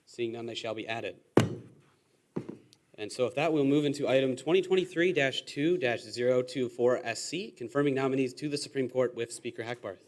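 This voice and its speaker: Brief: young male student senate chair, brisk procedural delivery, mid pitch. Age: young adult. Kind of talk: parliamentary procedure.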